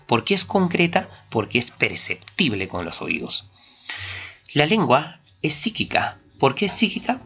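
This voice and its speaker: A man with an Ayacucho Peruvian Spanish accent gives a classroom lecture in a mid-pitched voice. He poses questions and answers them himself, drawing out key words to stress them. The recording sounds dull and lo-fi. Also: a bit bright. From Peru. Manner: stresses key terms, stretching some words slowly. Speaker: teacher.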